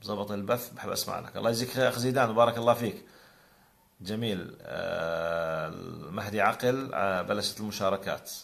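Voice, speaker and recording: In a creaky, low-leaning voice and at a fast clip, a Jordanian-accented man running a live call-in broadcast greets his viewers one at a time. His manner is conversational, full of warm religious blessings.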